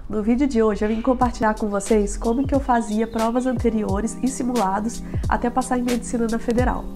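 Over music, a young woman's voice comes through on the high side and brisk, nasal and blocked up from a head cold. She's a vlogger in her twenties in a small bedroom, casually chatting to camera with study advice, frequent filler tags and lively hand gestures.

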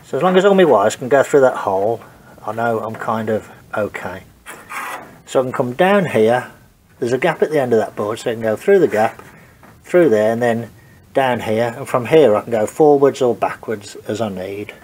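Here a man with a head cold walks through his car wiring job in a home garage, casual and hesitant, working things out aloud. His mid-range voice is expressive and a little mellow, moving at a moderate pace over a slight hiss or hum.

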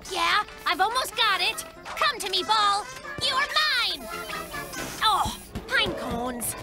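An actor voicing a boastful, excitable male polar bear cub in a cartoon who brags and spins tall tales. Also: very high voice, takes it slowly, over loud music, exaggerated voice. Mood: excited. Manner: bragging, tall tales, yelps and squeals. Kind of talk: cartoon voice acting.

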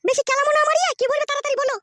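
A woman's voice: very high voice, steady tone, rapid-fire, raised voice. A woman voicing a fierce, shrewish village wife in a comic cartoon, scolding and hurling insults. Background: background music.

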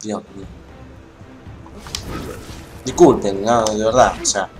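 A man's voice: on the low side, fairly even intonation, slow. A young man with an Argentine accent commentating his gameplay, swearing and ranting in exasperation. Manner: foul-mouthed, ranting, easily exasperated. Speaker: gamer. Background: game music and sounds.

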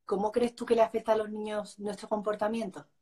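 A woman from hosting a live video chat, asking questions in a quick, conversational way. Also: mid-range voice, level tone, warm tone. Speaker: host.

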